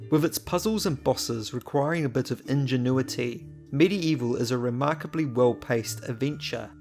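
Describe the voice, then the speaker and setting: A man giving a measured, enthusiastic scripted narration for a video essay. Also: medium pitch. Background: faint music.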